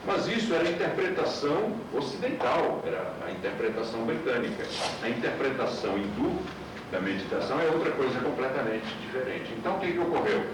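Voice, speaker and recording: Male teacher, explanatory lecture with rhetorical questions; old VHS tape sound, hissy and boomy. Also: sing-song, fairly quick, very echoey, distant mic. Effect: old VHS tape recording. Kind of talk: classroom lecture.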